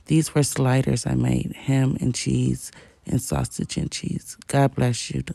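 A woman giving a casual vlog voice-over, chatting to her viewers in an unhurried way. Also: extremely low pitch, little pitch movement, gravelly, warm tone, slight background noise. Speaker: family vlogger.

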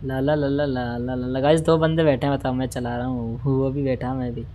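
A man doing excited live commentary over a shooter game, firing off repeated words in rapid bursts. Between the action he hums la-la to himself and keeps asking his viewers to follow and share. His voice sits at an ordinary pitch for a man. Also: a little hiss or hum. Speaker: gaming livestreamer.

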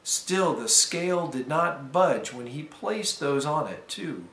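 A deacon reads a fable to students at a slow, careful pace. His voice is a touch high for a man and rings out in a roomy, echoey space. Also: expressive, fairly bright tone. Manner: careful, measured storytelling. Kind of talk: reading a fable aloud to students. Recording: roomy echo.

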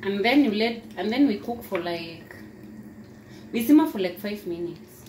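A woman with a Kenyan accent narrating a home cooking video step by step in a relaxed, casual way, recorded in her kitchen. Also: mid-range voice, moderate pace. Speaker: cooking vlogger. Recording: echoey kitchen with background noise.

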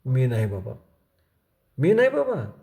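A man's voice: mid-range voice, wildly swooping pitch, a little slow, gravelly, a little mellow, heavily acted. A man voicing a timid, frightened young village man who speaks hesitantly in rustic speech.

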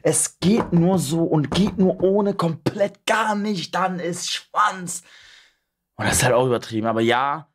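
A young man streaming, casually reacting to videos and breaking into high shrieking outbursts. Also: unhurried. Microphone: studio mic on arm, headphones.

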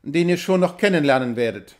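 A man's voice: on the high side, animated, a little fast, close to an everyday voice. A man voicing a swindler posing as a trapper, talking eagerly and ingratiatingly.

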